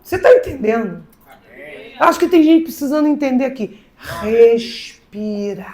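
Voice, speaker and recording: A woman pastor delivering a sermon, dramatic, swinging between loud preaching and hushed storytelling and repeating words for emphasis. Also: high voice.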